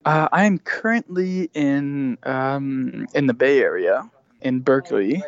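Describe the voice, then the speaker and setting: Man from switzerland, guest founder, gravelly, hesitant, dull remote line. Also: mid-range voice, slow. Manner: hesitant, many fillers and restarts. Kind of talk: casual interview. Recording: dry, dull lo-fi remote audio.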